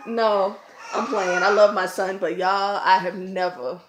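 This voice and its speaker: A woman, a mother and vlogger, telling a casual storytime at home with loud, animated acted-out quotes and screams. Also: mid-range voice, takes it slowly, reverberant, background noise. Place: home, room with children around.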